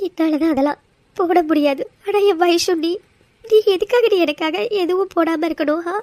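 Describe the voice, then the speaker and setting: A woman's voice: very high-pitched, moderate pace, dark tone, dry recording. A woman voicing a tearful, pleading young woman. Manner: pleading, crying. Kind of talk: cartoon voice acting.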